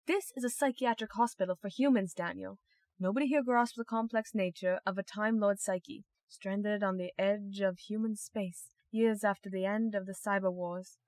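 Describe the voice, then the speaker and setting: A woman's voice: medium pitch, no echo, natural voice. A woman voicing the Doctor, an alien time traveller whose mind is unravelling, in an audio drama. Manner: anguished, pleading, erupts into shouts.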